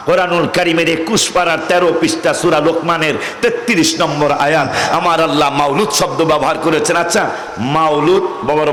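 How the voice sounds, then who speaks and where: A man from Faridpur in Bangladesh preaching an open-air sermon to a crowd. He swings between hushed talk and loud shouted exhortation, chanting Arabic verses and calling for responses. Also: a little high, roomy sound, slight background noise. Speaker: Islamic preacher. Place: outdoor field gathering before a crowd.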